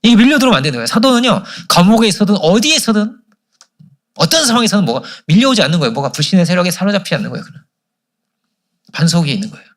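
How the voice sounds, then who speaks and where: A male pastor delivers a sermon at a church service, firing off questions to the congregation and answering them himself. His voice sits a little high and swings widely in pitch. He talks at a quick clip. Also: very animated.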